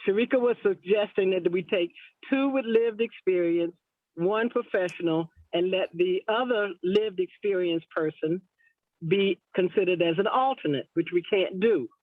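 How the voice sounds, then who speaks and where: A woman's voice: medium pitch, moderate pace, dry recording. Woman on a breaking-up phone line. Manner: direct, questioning. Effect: breaking-up bad connection. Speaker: board member calling in. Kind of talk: board meeting discussion. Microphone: phone call into a virtual meeting. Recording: tinny, dry phone line.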